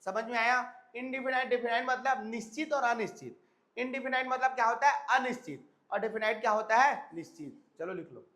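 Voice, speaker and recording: A hoarse man teaching a grammar lesson to a class, often stopping to check whether students have understood. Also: extremely high pitch, a little fast, bright, forceful tone. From India. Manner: repeats check-in questions to students.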